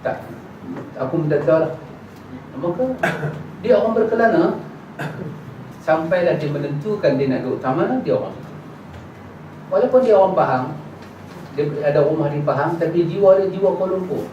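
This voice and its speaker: A man giving a religious lesson in a prayer hall and answering questions, acting out little dialogues in a casual, lively way. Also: a little high, normal speed, long pauses. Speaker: religious teacher. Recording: echoey hall, distant mic, dull, noisy.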